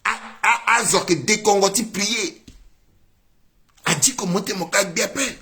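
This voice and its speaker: A man giving a political commentary monologue, mixing French and Sango, with exclamatory outbursts that swing down to low muttering. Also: unhurried, pushed and bright.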